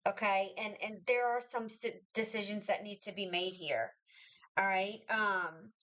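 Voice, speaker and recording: A woman's voice: medium pitch, unhurried, a bit bright, low-quality recording. A woman reading tarot cards for viewers in a chatty, reassuring way, with many fillers and restarts. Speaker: tarot reader.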